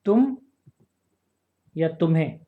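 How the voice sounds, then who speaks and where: A man teaching a grammar lesson for exam prep, slowly repeating phrases and often checking that listeners follow. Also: a little high, lively intonation, narrow, tinny audio.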